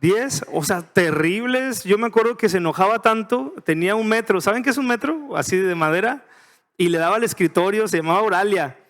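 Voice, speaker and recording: A middle-aged man with a Mexican Spanish accent leads a verse-by-verse Bible study. His voice sits high, and he talks in a chatty, joking way, often turning questions to his listeners. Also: fairly quick, a bit bright. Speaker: pastor teaching a Bible study. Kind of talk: casual verse-by-verse Bible teaching.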